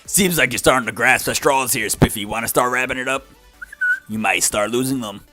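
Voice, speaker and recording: A man's voice: mid-range voice, a little fast, bright, forceful tone, soft background music. A man playing a grumpy, needling sidekick in a scripted comedic review where he argues with himself. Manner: arguing with himself, confrontational back-and-forth.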